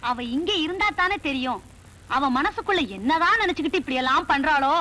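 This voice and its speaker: A shrill, wailing village woman. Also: expressive, a little fast, pushed and bright. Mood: bickering. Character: shrill, quarrelsome village woman, loud and scolding. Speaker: village woman in a household quarrel.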